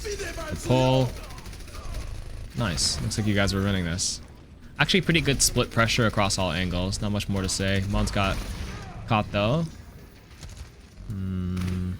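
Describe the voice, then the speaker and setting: A man's voice: lowish voice, moderate pace, noisy background. A man reviewing gameplay as a coach, talking casually in a blunt, analytical and sometimes sweary way. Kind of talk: casual live game review commentary.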